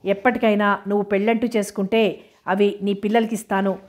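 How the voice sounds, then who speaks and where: A woman's voice: mid-range voice, flat delivery, fairly quick, a little mellow, close to an everyday voice. A woman reading a stern, stubborn mother. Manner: stern, blunt. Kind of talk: audiobook reading.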